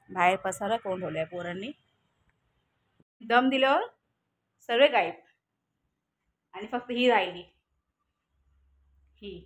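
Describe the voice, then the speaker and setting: A young woman vlogging at home, scolding her children and questioning them about the mess they made. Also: medium pitch. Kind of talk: casual home vlog. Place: home, balcony.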